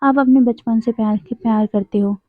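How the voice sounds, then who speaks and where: A woman voicing a pouting young man who complains and sulks, in a rather high voice. The audio is narrow and phone-like and completely dry. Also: fairly even intonation, moderate pace, no room sound, close to an everyday voice. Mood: sulky. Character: sulky, irritated young man lover.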